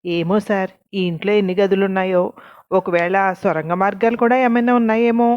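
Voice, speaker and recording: A woman's voice: mid-range voice, fairly even intonation, brisk, a little mellow, dry recording, lo-fi sound, lightly acted. A woman voicing a scheming, talkative servant woman in a storybook reading, with a coaxing, mock-polite manner.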